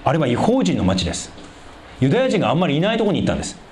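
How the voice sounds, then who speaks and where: A man preaching a sermon, asking the congregation rhetorical questions and swinging between loud emphasis and hushed low passages. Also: huge pitch swings, racing. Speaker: pastor.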